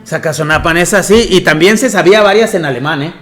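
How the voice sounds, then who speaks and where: A man's voice: a little high, fast talker, a bit bright. A man, a monsignor telling anecdotes in a lecture and often laughing. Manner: storytelling with frequent laughter.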